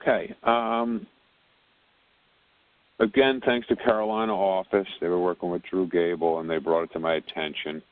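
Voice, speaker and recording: A man's voice: low voice, fairly even intonation, normal speed. A man heard over the phone, leading a casual technical briefing and rambling with repeated words on a tinny phone line. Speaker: technical support lead on a conference call.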